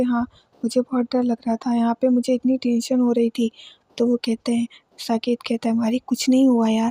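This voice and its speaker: A woman's voice: fairly high pitch, dark tone, dry recording. A young woman hosting her own channel, casually retelling a TV serial episode by quoting each character's lines in turn. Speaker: YouTube channel host recapping TV serial episodes. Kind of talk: casual spoken recap in Hindi.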